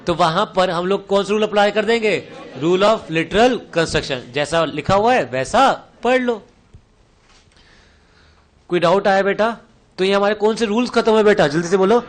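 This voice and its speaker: A man teaching a revision lecture, quizzing students with rapid questions and answering them himself, with an Indian English accent on the terms he uses. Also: sits high. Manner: calls students "beta".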